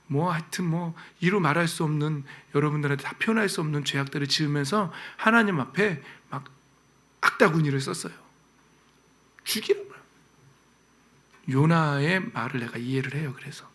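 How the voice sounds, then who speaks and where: A middle-aged man preaches with fervor, his voice sitting a little high for a man. He presses his points with rising, pleading calls and then drops to near-whispers for urgent appeals. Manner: emphatic preaching, swings from loud pleading to hushed whispers. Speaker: pastor. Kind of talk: sermon.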